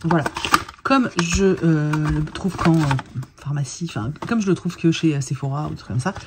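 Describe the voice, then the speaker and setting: A woman's voice: sits low, moderate pace, noisy background. A tired woman vlogging in a casual, chatty way, full of fillers and restarts. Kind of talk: casual chat.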